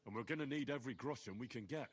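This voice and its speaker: An actor playing a steady, practical young man who reasons calmly. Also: mid-range voice, very fast, close to an everyday voice. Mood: earnest. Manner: calm, reasoning. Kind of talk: game voice acting.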